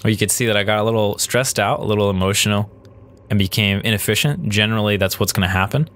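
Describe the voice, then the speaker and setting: A man's voice: fairly low pitch, fast, a bit bright. A man hosting his gaming channel, casually commentating a replay of his own match, thinking aloud and answering viewer questions as he goes.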